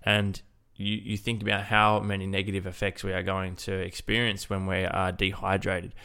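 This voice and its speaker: A male fitness coach hosts an informal solo podcast in a low-pitched, nasal, congested-sounding voice. His delivery is monotone and forceful at a normal speed, with a clean, bright tone.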